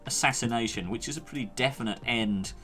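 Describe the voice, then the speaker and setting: A man's voice: mid-range voice, a little fast, over music. A man from the UK co-hosting a podcast, reading out listener comments in a dry, hesitant way full of fillers. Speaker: podcast co-host. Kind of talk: casual chat.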